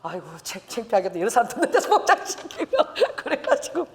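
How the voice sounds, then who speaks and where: An older woman pastor telling a lively testimony in a sermon, laughing and acting out quotes. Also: a little high, fast talker, long reverb tail, slight background noise. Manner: storytelling with laughs and acted quotes. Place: church sanctuary.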